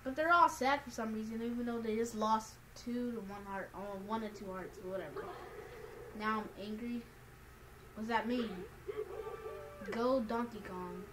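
A woman's voice: a little high, moderate pace, poor audio. A woman giving casual let's play commentary in a slangy, exclamatory way, muttering to herself as she plays. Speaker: gaming video player. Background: video game music.

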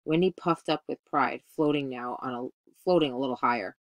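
Woman reading a storybook aloud, low pitch, dry close recording, expressive. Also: normal speed, dry recording. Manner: expressive, occasional self-corrections.

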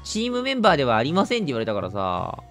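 A man with a Kansai accent giving joking, lively let's play commentary as a game streamer. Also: medium pitch, racing, soft background music. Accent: Kansai Japanese. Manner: joking, exaggerated indignation, lively reactions.

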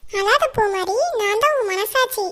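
A woman voicing a little girl's consoling conscience in a cartoon, speaking softly and gently. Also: very high voice, unhurried. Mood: soothing. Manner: soft, consoling. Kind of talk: cartoon voice acting.

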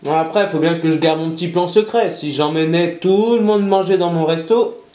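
A young man talks with his mouth partly full while he banters with his audience. His voice sits a little high and rings around a reverberant room. He sounds loose and playful, like he's thinking out loud. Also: normal speed. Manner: chatty, joking, addresses viewers directly. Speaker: vlogger. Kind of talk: casual food-tasting vlog. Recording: echoey room.

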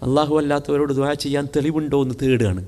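A man's voice: a little high, fairly even intonation, fast. Male preacher, fiery call-and-answer sermon style, recorded in a reverberant hall. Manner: rhetorical questions he answers himself, swinging from soft to shouted. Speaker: Islamic preacher.

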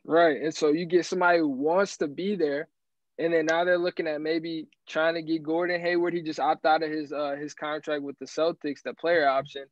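A man with a fairly high voice appears as a guest analyst in casual sports chat, animated and rambling, frequently restarting sentences at normal speed. The recording is dry, dull, and lo-fi, with no room sound.

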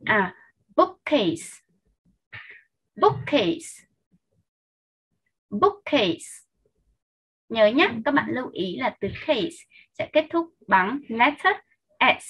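A woman teaching English vocabulary with a Vietnamese accent, patient and clear, slowly repeating each sound for young learners. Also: on the high side, lively intonation, a bit bright. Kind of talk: online vocabulary lesson. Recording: dull lo-fi sound.

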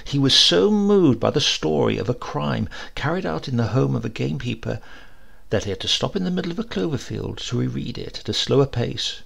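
An audiobook narrator, male, reads a literary short story with expressive, measured pacing. His mid-range voice is gravelly and slightly rough.

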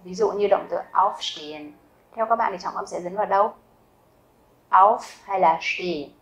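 A Vietnamese woman teaching a German grammar lesson, explaining step by step, asking her learners questions and saying example sentences slowly twice. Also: medium pitch, creaky, lo-fi sound. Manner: asks learners rhetorical questions.

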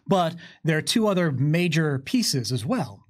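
A game developer in his thirties co-hosts a tabletop demonstration, laying out the rules in an easygoing, conversational manner. His voice sits on the high side and is very animated, though his pace stays measured. He's at a table in a small curtained studio with a boom-stand microphone.

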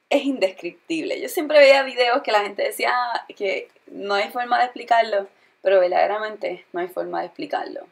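A young woman chatting casually through a storytime vlog, retelling things in an animated way with lots of fillers. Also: medium pitch. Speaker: vlogger.

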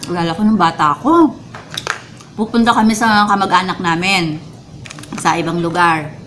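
A woman's voice: on the low side, normal speed, background noise. A Filipino woman vlogger doing a casual mukbang, talking to viewers in a chatty way as she eats and savours her food. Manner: talks while eating and savouring food; chatty, addresses viewers directly. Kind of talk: casual mukbang eating vlog, tasting sweets.

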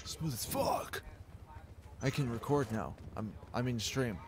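A man chatting with friends while gaming, crude and jokey, shouting at the action on screen. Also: medium pitch, lively intonation, measured pace. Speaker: gamer in voice chat. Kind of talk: casual gaming banter. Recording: game noise underneath.

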